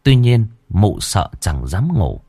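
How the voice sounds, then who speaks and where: Deep-voiced male horror storyteller. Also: takes it slowly, creaky, slightly rough, no echo, studio quality. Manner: expressive, dramatic storytelling. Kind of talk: scripted horror story narration.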